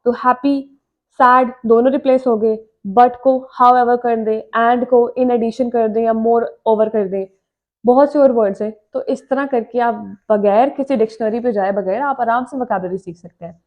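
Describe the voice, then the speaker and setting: High-voiced woman teacher, casual vlog lesson. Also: fairly even intonation, measured pace, phone-quality sound. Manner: explains step by step with simple examples. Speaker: English teacher. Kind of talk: casual vlog lesson answering viewer questions.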